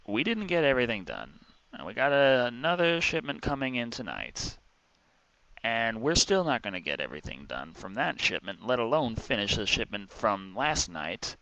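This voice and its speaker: An exhausted man rambling casually in an exasperated, complaining rant, with halting pauses. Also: medium pitch, a bit bright, no echo, poor audio. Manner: exhausted, weary, with heavy sighs and halting pauses. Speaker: vlogger.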